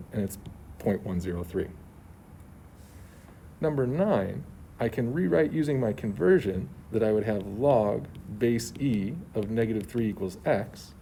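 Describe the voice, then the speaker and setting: His voice low-ish, gravelly and dark, this math teacher goes over homework answers one step at a time at a normal speed. He's at a school, his words a bit muffled through a face mask over faint background noise.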